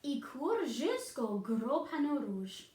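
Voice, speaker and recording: A woman reading a picture book aloud to children, pausing to explain the story. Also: sits high, very animated, warm tone, reverberant. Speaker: reader.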